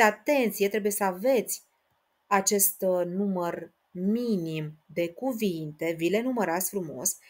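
A woman teaching an exam-prep language lesson, speaking straight to her students in a patient, explanatory way. She reads verse aloud very slowly and stresses each syllable, then checks that everyone is following. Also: medium pitch. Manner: slow, spelled-out reading of verse lines, syllable by syllable; patient, addresses listeners directly with checks like "da?".

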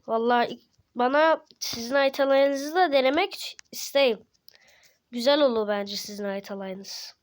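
A woman hosting a gaming channel, giving excited gameplay commentary, slangy and playful as she cheers on and taunts her teammates. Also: a little high, moderate pace, clean tone.

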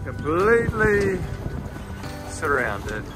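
A man's voice: fairly high pitch, very animated, drawn-out words. A man hosting a sailing vlog, talking casually and matter-of-factly from his catamaran. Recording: music playing under the voice.

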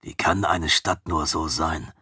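A man reading an audiobook, voicing a big, strong male warrior who talks slowly and plainly. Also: extremely low pitch, fairly even intonation, bright, forceful tone, breathy edge, dry recording, studio quality, voice pushed down, heavily acted. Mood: subdued.

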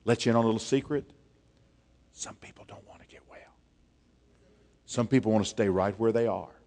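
A man, preaching an animated sermon on a church stage, dropping to a hush for emphasis. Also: on the low side, a little fast. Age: 40s. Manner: animated, gestures widely, drops to a hush for emphasis. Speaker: pastor. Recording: long reverb of a church hall.

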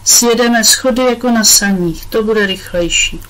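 A woman's voice: on the high side, a bit bright, natural voice, low-quality recording. Eager little girl in a kids' audiobook, bold and bossy, read by a woman. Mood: excited. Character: lively adventurous young girl.

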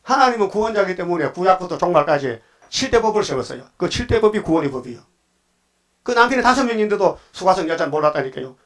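A man preaching a Sunday sermon. He keeps turning to the congregation with quick checks. He slows into a sing-song chant whenever he reads scripture. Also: high-pitched. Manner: lively, asks the congregation "예?" and "응?" often.

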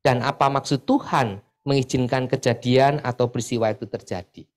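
A man from East Java talks casually to a church group, leading a sharing session. His pitch sits in a middling range, and he chats loosely, dropping little filler tags after almost every phrase. He gets lively when he retells stories. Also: moderate pace. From Pasuruan, East Java. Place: church meeting room.

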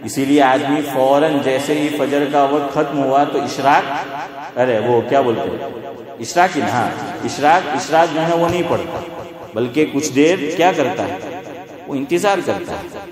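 A man's voice: mid-range voice, a little slow. Echoey preacher man. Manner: conversational, asks listeners rhetorical questions. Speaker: Islamic scholar. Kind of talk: religious lecture. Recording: echoey hall with crowd.

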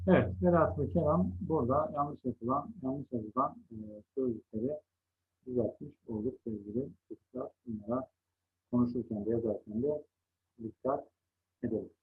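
A man's voice: mid-range voice, moderate pace, husky, phone-quality sound. A middle-aged man teaching a second-grade spelling lesson, patiently contrasting wrong and right word forms. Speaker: primary school teacher.

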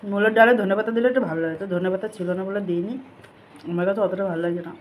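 A quick-talking vlogger chats straight to viewers between bites at home, mouth full of rice. The words come rushed and muffled by the food, over a faint hiss of background noise. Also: medium pitch. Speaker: eating vlogger. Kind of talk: casual chat to viewers while eating. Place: at home, at a meal table.

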